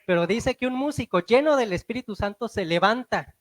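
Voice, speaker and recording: Heard in a dry recording, this sermon comes from a man with a Mexican accent and a high-pitched voice. He's animated, asks the congregation rhetorical questions, and slows and rises to stress his points.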